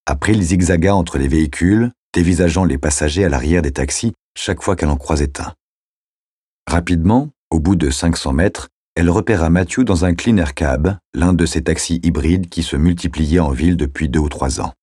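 A man reading a novel aloud as narrator in a measured, steady way. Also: low voice, slightly rough, no room sound, clean studio sound. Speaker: audiobook narrator. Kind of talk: scripted narration.

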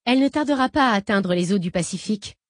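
A woman reading a calm, menacing fugitive agent. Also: mid-range voice, fast, no echo, clean studio sound, voice pushed up, lightly acted. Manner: calm, patient, quietly menacing. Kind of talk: audiobook character reading.

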